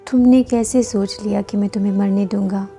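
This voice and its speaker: A woman's voice: medium pitch, steady tone, mellow, soft background music, lightly acted. A woman voicing a cruel young husband who taunts his wife with sweet words that carry menace. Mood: mocking. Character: cruel, mocking young husband, coldly teasing.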